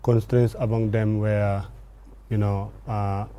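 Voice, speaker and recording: A man giving formal, deliberate interview answers as an official guest. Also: lowish voice, little pitch movement, mellow, slight background noise. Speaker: education ministry guest.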